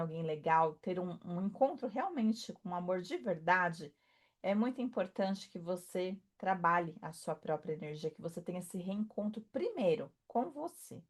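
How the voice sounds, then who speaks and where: Soft-spoken woman coaching gently. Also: fairly low pitch. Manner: soft, reassuring, full of fillers and tag questions. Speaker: spiritual coach. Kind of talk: intimate motivational talk to camera.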